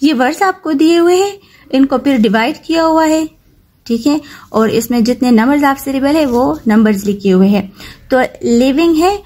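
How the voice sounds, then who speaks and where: A woman from Pakistan teaching a children's textbook lesson, reading English lines slowly and explaining each one in plain words. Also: sits high, expressive, a little mellow. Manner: slow and patient, reads English lines slowly, then explains in Hindi-Urdu.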